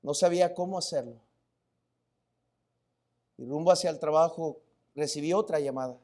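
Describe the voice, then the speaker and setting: High-voiced Mexican pastor preaching. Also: male voice, moderate pace. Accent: Mexican Spanish. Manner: storytelling that swings from hushed and low to loud preaching; stumbles and restarts words. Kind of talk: sermon. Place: church.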